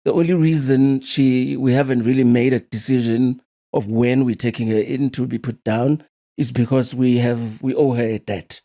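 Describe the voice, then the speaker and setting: South African man telling animated stories. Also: medium pitch, normal speed. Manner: animated storyteller with frequent laughter and restarts. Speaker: podcast co-host. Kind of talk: casual chat.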